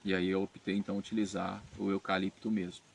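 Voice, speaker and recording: A man's voice: sits low, level tone, fast, gravelly, slight background noise. A Brazilian man hosting his channel, casually answering viewer comments with many fillers and self-corrections. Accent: Brazilian Portuguese. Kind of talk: casual talk to camera.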